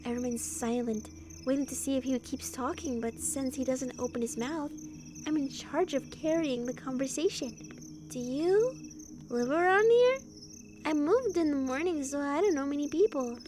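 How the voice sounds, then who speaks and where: A woman's voice: high voice, normal speed, noisy background. A young woman streamer reading a story game aloud, playful and laughing between lines.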